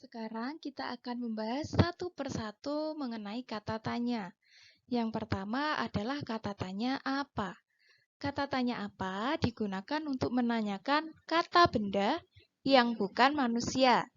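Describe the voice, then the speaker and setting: Slow, patient woman teaching young children. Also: on the high side, muffled recording. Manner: patient, drawn-out delivery with rising question intonation. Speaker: primary school teacher. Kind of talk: slow, clear classroom lesson for children.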